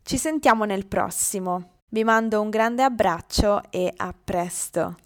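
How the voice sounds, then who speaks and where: A woman's voice: mid-range voice, measured pace. A woman with a Roman accent hosting a conversational podcast for language learners, as interviewer and presenter. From Lazio, Italy.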